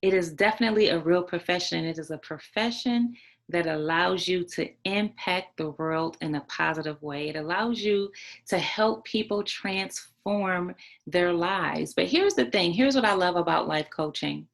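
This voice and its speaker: Female coach-trainer, lowish voice, emphatic teaching style, keeps repeating points and checking in with the listener. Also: moderate pace, vocal fry. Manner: emphatic, repeats key points with "right?" and "okay?". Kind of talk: online training talk.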